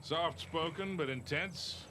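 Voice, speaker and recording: An actor playing a dry, gruff older male smuggler and mentor in video game dialogue. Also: on the high side, slow, bright, forceful tone. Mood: storytelling. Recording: game audio with ambient noise.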